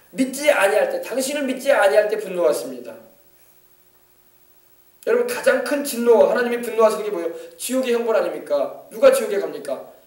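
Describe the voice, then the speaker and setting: A man's voice: sits high, roomy sound, recorded from a distance. A male pastor preaching a sermon with emphasis, often asking the congregation to confirm. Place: church sanctuary.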